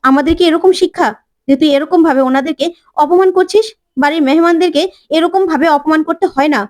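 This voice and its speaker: A woman's voice: high voice, quick pace, voice pushed up, lightly acted. A woman voicing a stern young man who scolds his sister in a firm, reproachful way.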